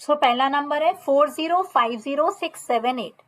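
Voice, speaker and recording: A woman's voice: sits high, fairly bright tone. A woman with an Indian accent teaching a maths lesson, reading textbook lines and explaining step by step. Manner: reads textbook lines slowly, explains in mixed Hindi and English.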